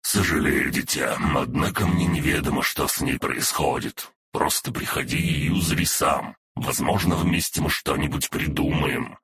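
A man reading an audiobook voices an ancient male demon who speaks in a solemn, archaic, quiet way. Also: rumbling low, moderate pace, few pauses. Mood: grave.

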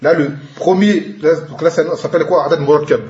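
A man teaching a grammar class in a fairly high voice, patiently breaking down each rule and switching between two languages as he goes. The sound is echoey and a bit dull, like a lo-fi recording in a bare room. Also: steady tone, brisk, darkish tone. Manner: explains patiently, switching between French and Arabic terms. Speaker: Arabic teacher.

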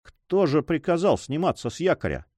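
A man's voice: on the high side, very animated, moderate pace, darkish tone, no echo. A man voicing a feverish, grief-stricken nobleman who commands a ship, speaking weakly and brokenly. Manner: weak, broken speech.

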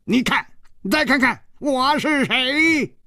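A man's voice: very high voice, slow pace, sharp tone, no echo, studio quality, voice pushed up, heavily acted. A man voicing a chatty, giggling bald old man in a radio storytelling performance. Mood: teasing. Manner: teasing, cackling, rambling.

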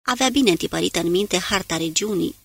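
A woman narrating an audiobook in an even, measured reading style. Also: on the low side, vocal fry, slightly rough, no room sound. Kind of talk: scripted narration.

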